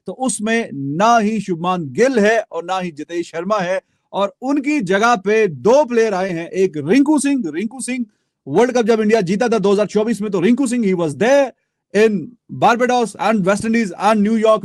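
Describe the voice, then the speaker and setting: High-pitched male host recapping cricket news. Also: a little slow, no room sound. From Pakistan. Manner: steady explanatory, mixing in English phrases. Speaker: show host.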